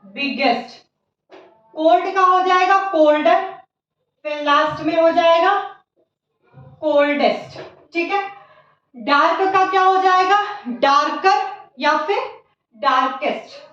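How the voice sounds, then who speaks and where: A woman teaches a grammar lesson in a very high, slow voice, repeating each word and asking her class what it becomes. The recording is very echoey and dull, as if she stands far from the mic in a bare room. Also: a bit bright, soft background music. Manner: slow, repeats key words and asks the class questions; mixes Hindi with English terms. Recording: echoey, distant, dull lo-fi sound.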